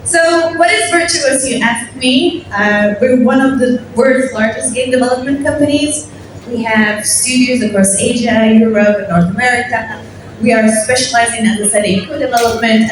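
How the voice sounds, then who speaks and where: A woman's voice: a little high, moderate pace. A young woman from Morocco giving a casual, self-deprecating conference talk to an audience. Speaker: conference speaker. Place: large hall at a conference. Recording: echoey hall from far off, noisy.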